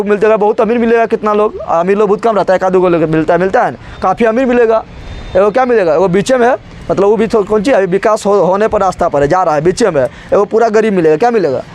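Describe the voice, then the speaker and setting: A young man teaching a class, repeating each point and constantly firing quick questions back at his students. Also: high-pitched, a little mellow, a little hiss or hum. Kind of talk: classroom lecture.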